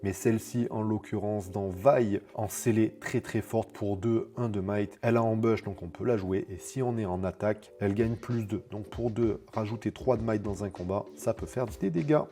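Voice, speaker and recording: A man casually commenting while opening card packs, reading card names slowly and explaining the rules in quick asides, with fillers and self-corrections. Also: on the low side, dark tone. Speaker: card game content creator.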